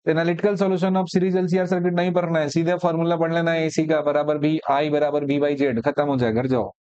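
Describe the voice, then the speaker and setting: A man's voice: fairly high pitch, fairly even intonation, normal speed, a little mellow, clear, resonant tone, no room sound. A man teaching physics for exam prep in a conversational lecture, sarcastic as he rattles off deleted topics.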